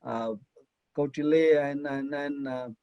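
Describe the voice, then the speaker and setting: A man moderates an online academic session, pausing often on fillers and restarting sentences. His voice sits fairly high and the video-call audio is dry and close. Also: fairly even intonation, clean tone, dry recording, lo-fi sound. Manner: hesitant, many fillers and restarts. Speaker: session chair.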